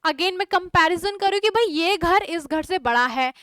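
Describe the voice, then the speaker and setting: A woman's voice: very high-pitched, expressive, moderate pace, fairly bright tone, no room sound, clean studio sound. A young woman with an Indian English accent teaching an online exam-prep lesson, chatty and quizzing her students. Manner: chatty, mixes Hindi and English, asks students questions.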